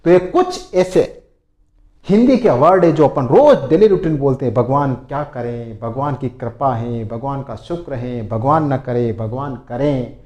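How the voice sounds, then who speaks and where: A man giving an English vocabulary lesson, reading each phrase slowly and loudly, then explaining it in a casual chatty way. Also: mid-range voice, reverberant. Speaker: English teacher.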